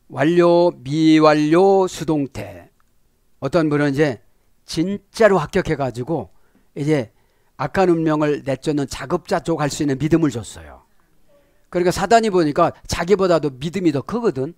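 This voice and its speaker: A male pastor preaching a sermon on biblical Greek grammar in a lively, animated way, often checking in with his listeners and acting out voices in little scenes. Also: fairly high pitch, no room sound, studio quality. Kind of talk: sermon, Bible word study.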